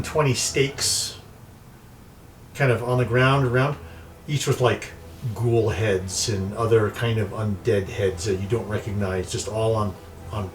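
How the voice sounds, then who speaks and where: A man's voice: fairly low pitch, low-quality recording. A man narrating as game master in a tabletop game, describing scenes loosely with many fillers. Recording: mic set back, faint music.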